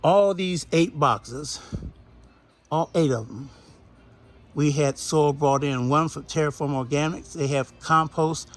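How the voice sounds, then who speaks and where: A man's voice: on the high side, slow pace. A man giving a folksy, chatty tour of his backyard garden, laughing now and then. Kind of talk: casual garden walkthrough.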